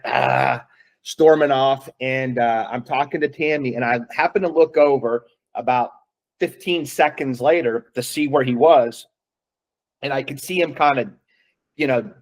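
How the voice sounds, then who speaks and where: A middle-aged father tells a long story in a relaxed interview. He talks in an earnest, rambling way, full of fillers and restarts, at a middle pitch. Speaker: guest, father.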